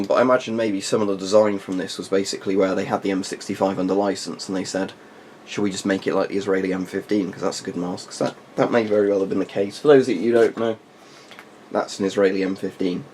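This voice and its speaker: A man with a fairly low voice talks through a product review off the cuff. His explanations are informal and wander into asides. A little noise sits behind the voice. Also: darkish tone. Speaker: military surplus gear reviewer. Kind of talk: casual unscripted product review. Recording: faint background noise.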